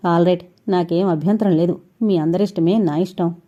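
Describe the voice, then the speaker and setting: A woman voicing a calm, decisive young man in an audio novel, in a dark, mellow voice on a dull lo-fi recording. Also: lowish voice, fairly quick, close to an everyday voice.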